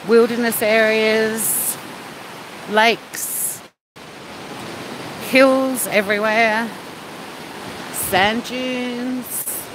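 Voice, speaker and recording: An Australian woman with a fairly high voice drags out her words and leaves long pauses. Hosting a live stream outdoors at the beach, she replies to viewers in a relaxed, cheeky way. Steady wind or surf noise is loud throughout.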